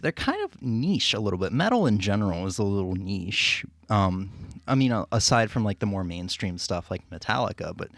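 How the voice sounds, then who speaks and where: Low-voiced man, rambling casually. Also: dry recording. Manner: rambling, hesitant, profanity-laced. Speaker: streamer. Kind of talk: casual chat to a stream audience.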